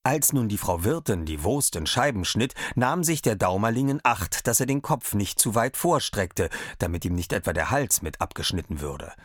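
A man reading a fairy tale aloud, his voice rising and falling in an animated, expressive way. The sound is dry and close. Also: on the low side, normal speed, few pauses, no echo. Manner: expressive, lively storytelling. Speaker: storyteller.

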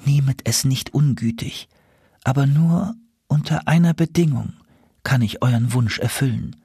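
A man voicing an enchanted princess turned into an owl, speaking in a plaintive, soft, husky voice. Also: medium pitch, measured pace, dry recording, clean studio sound, voice pushed up, full character voice. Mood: pleading.

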